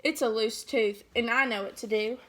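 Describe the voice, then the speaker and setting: A woman voicing a self-assured storybook dentist who speaks briskly. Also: fairly high pitch, steady tone, bright, forceful tone.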